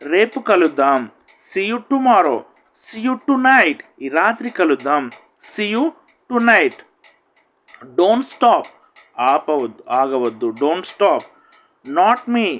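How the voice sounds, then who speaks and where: A man teaching spoken English, saying each phrase, giving its meaning and repeating it slowly. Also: high-pitched, fairly bright tone, rough recording. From India. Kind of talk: spoken English drill lesson.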